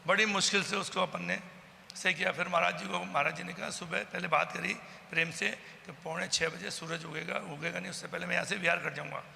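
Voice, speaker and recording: A man's voice: sits high, fairly even intonation, fairly quick, vocal fry, bright, forceful tone, long reverb tail, a little hiss or hum. A man giving an agitated eyewitness account to a news camera and acting out what others said. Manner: agitated storytelling, acting out the quoted exchanges. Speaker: eyewitness from the local community.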